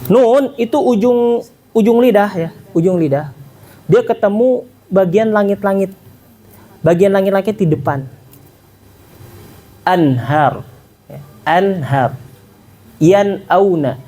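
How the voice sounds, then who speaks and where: A man giving a casual tajwid lesson, quizzing his listeners and sounding out letters slowly. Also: sits high. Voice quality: animated, quizzing the audience, demonstrating sounds slowly. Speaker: Quran recitation teacher.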